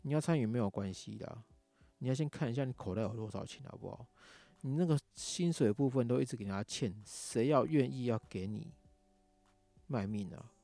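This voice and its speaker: Gravelly Taiwanese-accented man ranting. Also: mid-range voice, brisk, warm tone, dry recording, faint music behind. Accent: Taiwanese Mandarin. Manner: angry ranting, heavy swearing. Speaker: podcast host. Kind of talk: casual monologue.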